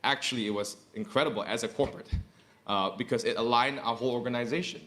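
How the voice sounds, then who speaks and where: On a discussion panel, a corporate executive from Indonesia, a man in his thirties, makes his points earnestly and repeats phrases to drive them home. He talks fast, with a medium-pitched, somewhat bright voice.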